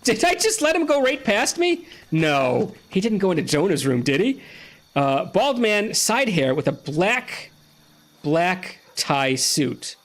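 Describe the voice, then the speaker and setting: A man's voice: high-pitched, sing-song, takes it slowly, a bit bright. A man giving casual, joking let's-play commentary while chatting with a friend. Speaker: gaming streamer.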